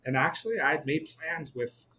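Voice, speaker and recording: A man's voice: a little high, normal speed, rough recording. Chatty man telling flying stories. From Israel. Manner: animated, many fillers and restarts. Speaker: glider pilot guest. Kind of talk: casual storytelling interview.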